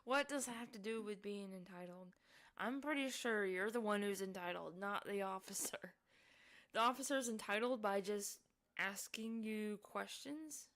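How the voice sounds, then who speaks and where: A woman's voice: medium pitch, moderate pace, a bit bright. A woman streamer giving casual live commentary on a video, chatty and amused, laughing often.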